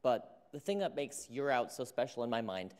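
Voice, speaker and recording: A man's voice: medium pitch, very animated, normal speed. A young man co-hosting a conference closing, speaking appreciatively on a large stage with a handheld microphone. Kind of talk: stage speech. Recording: echoey hall, distant from the mic.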